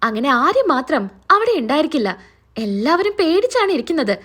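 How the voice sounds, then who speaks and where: A woman's voice: high-pitched, very animated, brisk, a bit bright. A woman retelling a TV serial episode as a narrator, voicing every part herself.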